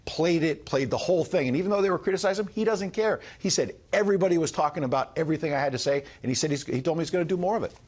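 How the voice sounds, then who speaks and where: A man's voice: fairly high pitch, rapid-fire, hardly any pauses, darkish tone. Emphatic American male news correspondent. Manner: emphatic, insistent, punchy short phrases. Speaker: news correspondent and guest commentator. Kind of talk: broadcast news commentary.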